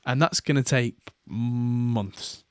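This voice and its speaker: A man's voice: mid-range voice, fairly even intonation, takes it slowly, smooth, dry recording, studio quality. A man hosting a podcast, talking casually in a rambling way with plenty of fillers and restarts. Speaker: podcast host. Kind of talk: casual chat.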